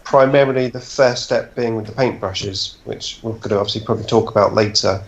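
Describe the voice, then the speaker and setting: A man in casual chat, speaking in a measured, hesitant way. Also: lowish voice, creaky, highs cut off.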